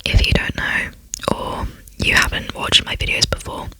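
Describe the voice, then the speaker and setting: Soft whispers at a moderate pace come from an ASMR host narrating gameplay over poor-quality audio. This host chats and rambles freely, leaning on fillers and making jokes at their own expense.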